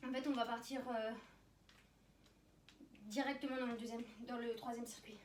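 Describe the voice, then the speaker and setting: A fitness instructor coaches a circuit workout live, calling out countdowns and short, encouraging commands. Her voice is on the high side, level in tone and moderately paced. The recording has roomy echo, a distant mic, and background noise.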